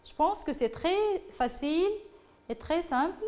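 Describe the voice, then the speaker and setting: A woman's voice: high-pitched, expressive, unhurried, a little mellow. A woman teaching a French grammar lesson, talking patiently to pupils and repeating phrases as she goes.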